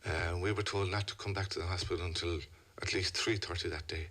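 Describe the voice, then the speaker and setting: A middle-aged man with a west of Ireland accent, giving a personal account in a radio interview in measured, halting phrases. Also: low voice, fairly even intonation, fairly bright tone. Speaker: interview guest, a father telling a family story.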